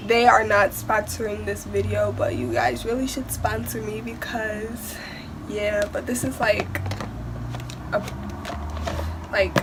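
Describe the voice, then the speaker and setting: A woman's voice: a little high, noisy background. A teenage girl vlogging an unboxing in a casual, rambling way, sick and stuffed up. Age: teens. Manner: rambling, many fillers.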